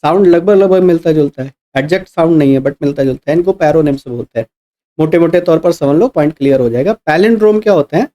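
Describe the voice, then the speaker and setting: A man's voice: fairly high pitch, quick pace, warm tone. A man with a Hindi accent teaching an exam-prep English vocabulary lesson, explaining step by step, repeating points and asking rhetorical questions. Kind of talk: classroom lecture in mixed Hindi and English.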